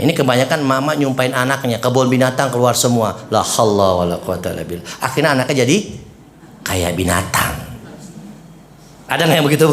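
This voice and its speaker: A man giving a religious lesson to a group of women, with lively jumps in pitch for emphasis and frequent questions to the audience. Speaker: preacher. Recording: echoey room, faint ambient noise.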